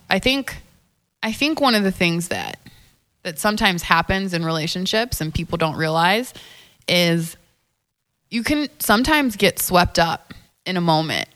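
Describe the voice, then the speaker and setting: A woman's voice: fairly low pitch, a bit bright, smooth. A woman, a dating coach, chatting as an interview guest in a thoughtful way, often repeating words and laughing easily. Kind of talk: casual interview chat. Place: lives in New York.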